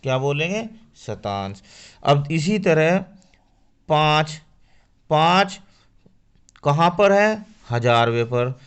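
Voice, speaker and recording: Male maths teacher, slow and deliberate, smooth clear voice, talks to children, asks and answers his own questions. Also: on the high side, sing-song. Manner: addresses children directly. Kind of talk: classroom maths lesson.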